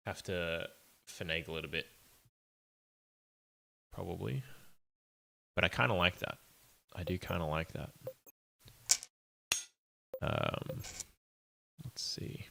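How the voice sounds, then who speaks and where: A man's voice: low-pitched, vocal fry, pushed and bright. A young man streaming as an indie game developer, muttering and thinking aloud in a casual, apologetic way. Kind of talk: casual live-stream chat while coding.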